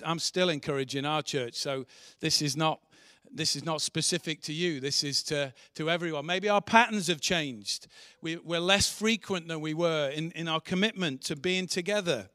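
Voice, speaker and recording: Pastor guy preaching, kinda high voice, keeps asking the room questions. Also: bright, forceful tone, dry recording, studio quality. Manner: earnest, asks the congregation rhetorical questions. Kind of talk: sermon. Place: church.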